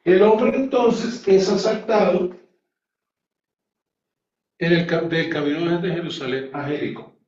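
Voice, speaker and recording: Teaching a Bible class like a sermon, a man stresses his points and throws rhetorical questions at his listeners. His voice is a little high and darkish, slow with long pauses. The distant mic gives an echoey, dull sound.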